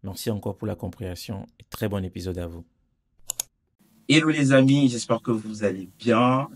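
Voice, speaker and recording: A man's voice: on the low side, normal speed, slightly rough. A man hosting a podcast interview, talking casually with lots of hesitations and fillers. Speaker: podcast host.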